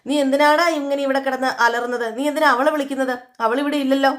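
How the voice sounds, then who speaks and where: A woman's voice: high-pitched, steady tone, brisk, lightly acted. A woman doing a weary old father. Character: tired older father, patient and weary.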